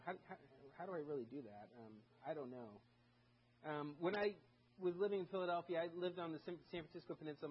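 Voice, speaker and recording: A man who grew up in Germany preaches as a guest, giving a casual, conversational sermon packed with stories and self-deprecating asides, with many restarts and fillers. His voice is a little high and slightly rough, and the recording is muffled.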